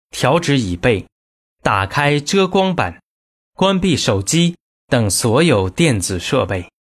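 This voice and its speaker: A man reading scripted in-flight cabin announcements in a formal, measured announcer manner. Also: medium pitch.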